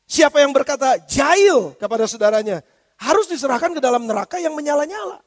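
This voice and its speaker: Male pastor, very high-pitched, lively sermon, long church-hall reverb. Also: fast talker. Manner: lively preaching, acts out quoted speech in slangy Jakarta style.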